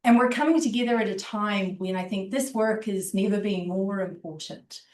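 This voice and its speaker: A woman with a New Zealand accent delivers a formal welcome address, earnest and measured. Her pitch is average, and she is picked up from a distance in a very reverberant room. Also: a little mellow, slight background noise. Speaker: university vice president giving a welcome address. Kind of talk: formal welcome speech at a conference. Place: indoor university event room with online audience. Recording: echoey room, distant microphone.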